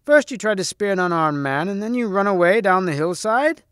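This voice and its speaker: A man's voice: on the high side, normal speed, smooth, no room sound, studio quality, natural voice. A man doing a brash young knight. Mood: shouting. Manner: raised, eager, shouting taunts.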